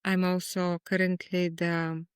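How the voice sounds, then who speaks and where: A Bulgarian-born woman, a guest poet, talking in a reflective, measured way in an interview. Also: on the low side, flat delivery, clear, resonant tone, no echo, clean studio sound. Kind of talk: conversational interview.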